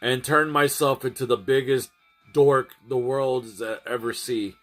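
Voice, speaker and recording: A man's voice: medium pitch, steady tone, measured pace, fairly bright tone, faint music behind. A man chatting casually to his livestream audience, rambling and often restarting and repeating his phrases. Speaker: streamer.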